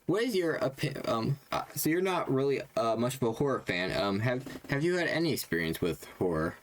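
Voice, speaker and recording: A man co-hosting a casual gaming podcast who talks haltingly, stumbling and restarting. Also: medium pitch, very animated. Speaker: podcast co-host. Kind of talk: casual chat.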